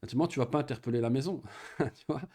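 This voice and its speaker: A man giving a one-on-one Arabic grammar lesson, patient and explaining step by step, saying Arabic words slowly and often checking that his student follows. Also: medium pitch, darkish tone. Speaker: Arabic teacher.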